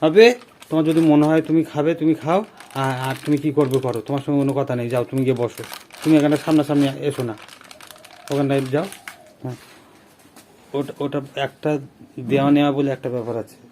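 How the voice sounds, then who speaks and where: A man playing a father in a family vlog, coaxing and gently lecturing his daughter. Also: fairly high pitch, steady tone, fast talker, pauses often, slight background noise. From Bengal. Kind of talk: scripted family drama vlog.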